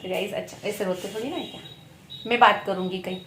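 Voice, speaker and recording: A young woman, vlogging in a casual, animated way at her workplace, coaxing and teasing a colleague. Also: mid-range voice, fast. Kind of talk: casual vlog chat. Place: workplace room among staff. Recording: echoey room, faint ambient noise.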